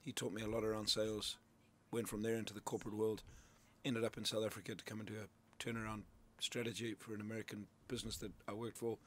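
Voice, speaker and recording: In a radio studio, a middle-aged Zimbabwean man who coaches sales talks through his thinking as an interview guest. He speaks fast with few pauses, in a lowish, level, fairly bright voice, restarting often; a little hiss or hum can be heard.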